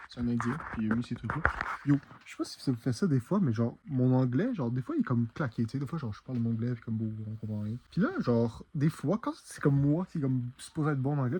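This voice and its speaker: A man's voice: medium pitch, noisy background. Rambling Québécois young man vlogging. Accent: Québécois French. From Quebec, Canada. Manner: rambling, full of slang fillers. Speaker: travel vlogger. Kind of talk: casual travel vlog chat.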